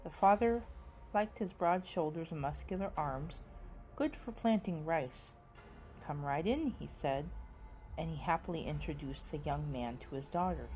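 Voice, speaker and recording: A woman narrating a scripted story dramatically, in a playful spooky manner that moves between hushed suspense and sudden swells. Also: low-pitched, normal speed, soft background music, poor audio.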